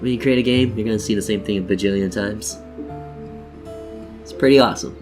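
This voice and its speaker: Speaking briskly over music, a man with a lowish voice narrates a screen-share tutorial in a relaxed, playful style. He cracks jokes and addresses his audience as "you guys" as he guides them step by step.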